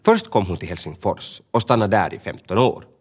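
A low-pitched male voice reads a children's story. His intonation rises and falls vividly, and every sentence is shaped for young listeners. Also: slightly rough. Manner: lively, expressive reading. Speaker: narrator.

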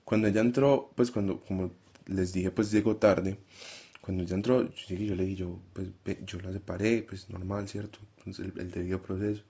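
A man's voice: low-pitched, fairly even intonation, normal speed, creaky, dark tone, breathy edge. A young man with a Colombian Paisa accent, a primary school teacher telling a story on a podcast and acting out the dialogue. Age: 20s.

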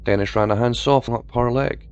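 A man narrating a story aloud in a steady storytelling style and doing voices for the characters. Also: mid-range voice, brisk, clean tone, muffled recording.

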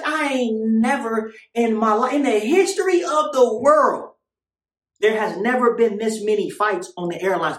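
An American man preaching like a doomsday street preacher, urgent, repetitive and colloquial, mixing scripture with informal commentary. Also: extremely high pitch. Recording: echoey room.

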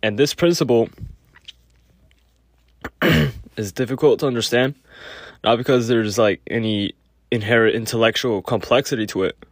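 A man giving a casual spoken lecture with a clogged nose, halting often with fillers and restarts. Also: medium pitch, dry recording, clean studio sound. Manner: halting, many fillers and self-corrections. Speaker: podcast host.

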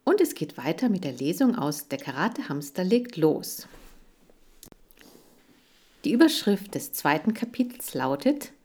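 A woman reads a children's book aloud, slowly and with a lively, rising and falling voice. Her tone sits on the lower side for a woman. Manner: slow, lively expressive reading. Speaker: audiobook reader. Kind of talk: children's story reading.

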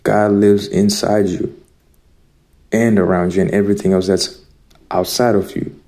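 A man's voice: low voice, flat delivery, unhurried, darkish tone. A man from Zimbabwe giving an earnest, preachy spiritual monologue straight to his listeners. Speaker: spiritual vlogger.

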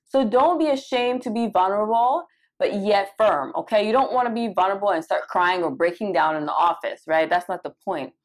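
A young adult woman from Cameroon coaching doctors for residency interviews in a live Q&A, animated and emphatic, repeating points for stress. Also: mid-range voice, brisk. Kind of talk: live Q&A session.

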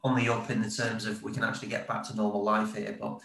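A man's voice: lowish voice, flat delivery, quick pace, vocal fry, a bit bright. A man hosting an interview over a video call, often restarting and repeating words as he asks questions. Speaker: interview host. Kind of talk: interview conversation. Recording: roomy sound from far off the mic.

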